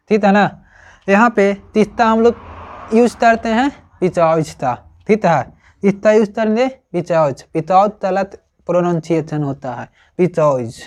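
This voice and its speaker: A teacher giving a grammar lesson, explaining slowly and checking in with the class after almost every phrase. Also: mid-range voice, darkish tone. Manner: slow, repetitive, checks with "ठीक है ना?" often.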